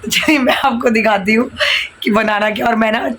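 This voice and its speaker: Chatty, slightly hoarse woman vlogging at home. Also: a little high, fairly even intonation, normal speed, fairly bright tone, a little hiss or hum, low-quality recording. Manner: chatty, mixing Hindi with English phrases. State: hoarse from shouting. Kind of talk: casual chatty home vlog. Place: home kitchen. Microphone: handheld phone.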